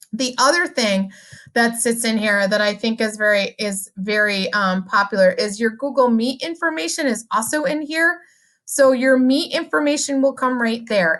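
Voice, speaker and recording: A middle-aged woman giving a chatty, upbeat software tutorial, with playful sarcasm and sudden high squeals. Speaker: teacher trainer. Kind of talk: screen-share tutorial.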